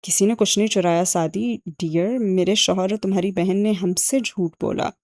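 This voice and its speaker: A woman reading an audiobook and voicing a clever young woman who explains things calmly and knowingly. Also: medium pitch, dry recording, clean studio sound, lightly acted.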